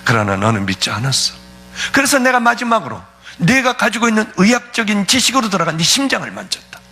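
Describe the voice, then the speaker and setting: A man voicing the solemn, gentle voice of God, speaking low and measured within a sermon. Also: sing-song, slightly rough, exaggerated voice.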